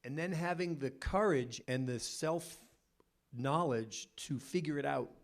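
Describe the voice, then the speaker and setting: A man's voice: on the high side, takes it slowly, vocal fry. A man on a film panel telling candid, frank stories about acting and directing. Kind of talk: anecdotal panel talk. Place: cinema cafe panel.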